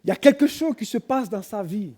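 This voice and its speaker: A man with a French accent preaching in church, telling a story dramatically, moving from hushed tones to loud cries and bits of sung hymn. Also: sits high, animated, fairly quick. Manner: dramatic storytelling, swelling from hushed to shouting and singing. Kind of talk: sermon storytelling.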